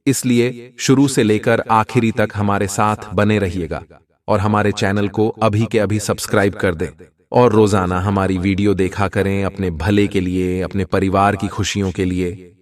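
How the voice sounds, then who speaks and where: A man's voice: fairly low pitch, little pitch movement, normal speed, far from the mic. A man presenting astrology in scripted narration, speaking earnestly and straight to viewers as friends.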